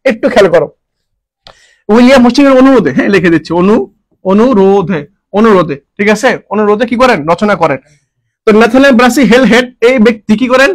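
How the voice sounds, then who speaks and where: Quick high-voiced male tutor. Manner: repetitive, asks and answers his own questions; jokey, homely dialect forms. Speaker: teacher. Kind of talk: online grammar lesson.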